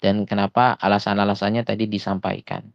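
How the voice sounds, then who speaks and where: A man's voice: lowish voice, level tone, gravelly, dry recording. Man, recitation teacher, online lesson, patient, hesitant fillers, dull lo-fi voice chat, dry close sound. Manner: patient explaining with frequent hesitations; often slows to demonstrate sounds. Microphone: voice chat headset or desktop mic.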